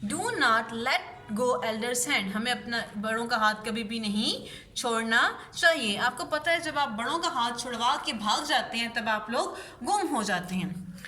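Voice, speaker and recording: Pakistani lady teacher going through a kids english lesson, high bright voice, slow and careful, a bit of hiss behind. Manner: slow, explaining each word, switching between English and Urdu. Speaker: primary school English teacher. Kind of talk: online class lesson.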